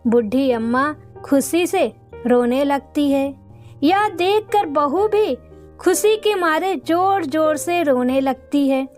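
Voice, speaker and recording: A woman narrating a devotional folk tale in a measured, dramatic reading. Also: high voice, faint music behind. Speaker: storyteller. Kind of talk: scripted narration of a devotional story.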